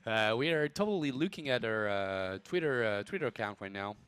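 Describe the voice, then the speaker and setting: A man's voice: lowish voice, expressive, fairly quick, fairly bright tone, clean tone. A man casting a live esports stream in a casual, playful chat with his co-caster, sometimes slipping in French words.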